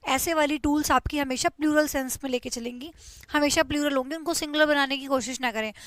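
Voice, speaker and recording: A young woman teaches an English grammar lesson with a high, bright-pitched voice. She explains patiently, repeats each word and drills the correct forms. The recording is close and dry. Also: steady tone, fast talker, dry recording. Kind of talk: Hindi-language grammar lesson.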